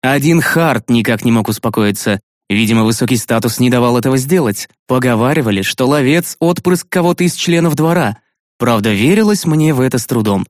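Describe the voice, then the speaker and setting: Male audiobook narrator, dry close reading, mid pitch, sardonic first-person voice with sharp pitch leaps. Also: a little fast, no echo. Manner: sardonic, expressive reading with sudden pitch jumps.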